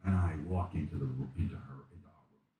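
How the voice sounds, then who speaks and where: A man in his thirties telling a comic story in casual, animated and profane style, often acting out voices. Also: rumbling low, fast. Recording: echoey room, distant mic, faint noise.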